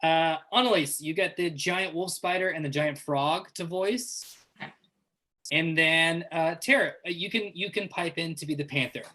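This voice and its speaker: A man's voice: fairly high pitch, moderate pace, sharp tone. A man running a tabletop role-playing game on a live stream as game master, chatting casually and organizing the players.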